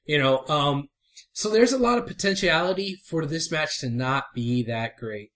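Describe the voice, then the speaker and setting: A man co-hosting a casual podcast, talking fast and laughing a lot as he teases his partner. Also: fairly high pitch. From Houston area. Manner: animated, laughs a lot, teasing. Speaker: podcast co-host.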